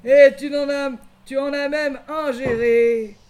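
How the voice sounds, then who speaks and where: A man voicing a cavernous archive of feelings that speaks in a solemn, drawn-out way in a radio play. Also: very high voice, fairly even intonation, a little mellow.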